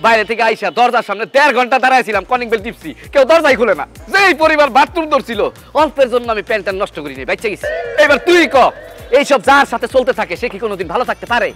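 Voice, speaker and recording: An actor playing a frantic young husband who talks loudly with big gestures, in a comic drama. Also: male voice, extremely high pitch, expressive, racing, faint music behind. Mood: complaining. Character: young husband of a deaf wife, loud and frantic.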